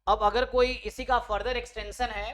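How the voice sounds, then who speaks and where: A male statistics teacher gives an online exam-prep lecture. He talks his students through each step and keeps checking that they are following. When he reads a formal definition, he slows to a careful word-by-word pace. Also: high-pitched, level tone, a bit bright. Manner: explains step by step, often checks understanding with tag questions.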